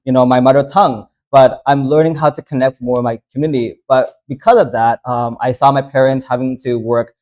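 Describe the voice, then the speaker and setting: A man's voice: medium pitch, steady tone, brisk, hardly any pauses, darkish tone. A man from the United States hosting a workshop, talking in a loose, conversational way with lots of fillers. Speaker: workshop host. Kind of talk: casual workshop talk.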